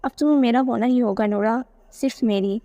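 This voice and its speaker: A woman's voice: on the high side, fairly quick, mellow, no room sound, clean studio sound, close to an everyday voice. A woman voicing a scheming, possessive young man who talks eagerly, in a read-aloud novel.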